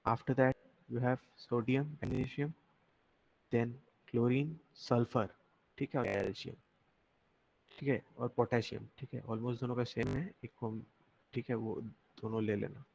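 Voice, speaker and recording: Young male tutor, online lesson, slow gravelly delivery, lo-fi call audio. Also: mid-range voice, steady tone, darkish tone. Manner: slow, repetitive explaining, mixing Hindi and English, asking students questions. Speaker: chemistry teacher. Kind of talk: online class lecture. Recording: dull lo-fi audio with faint noise.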